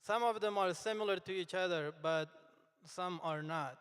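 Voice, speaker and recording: A young Afghan man whose first language is Dari gives a speech to graduates as the commencement speaker, slow, earnest and halting. His high voice is smooth, clear and fairly bright, with a long reverb filling a large hall.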